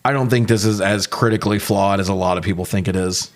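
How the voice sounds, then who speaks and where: A man with a fairly low voice talks fast as co-host of a laid-back movie review podcast, griping with animated, profane energy.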